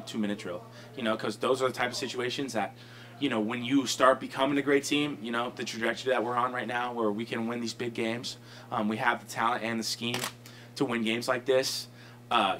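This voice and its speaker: A young adult college football lineman talks to reporters at a post-game press conference, seated at a table mic in an indoor press room. His voice is on the low side and a bit bright, with a little hiss or hum audible. He speaks rapidly, rambling and using lots of "you know" and "um."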